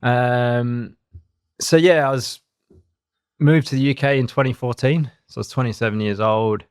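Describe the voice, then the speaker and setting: A man in his thirties with an Australian accent, co-hosting a podcast and telling his story in a relaxed, rambling way. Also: mid-range voice, normal speed, clean tone, no echo, clean studio sound. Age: 30s. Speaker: co-host. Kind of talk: casual podcast chat.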